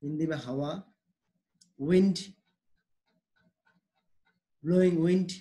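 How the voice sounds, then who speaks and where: Slow-talking male teacher, high voice. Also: mellow. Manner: slow, repetitive explaining, mixing Hindi and English. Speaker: English teacher. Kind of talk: explaining English pronunciation on a whiteboard lesson.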